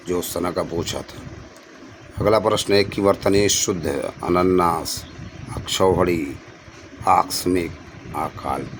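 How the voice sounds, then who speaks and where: A man's voice: deep voice, noisy background. A male teacher going through exam spelling questions, reading each option aloud and repeating words to stress the correct one.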